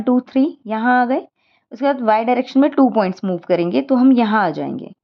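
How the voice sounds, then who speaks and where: A woman's voice: fairly high pitch, dull audio. A woman maths teacher, explaining a lesson step by step and often checking that students follow.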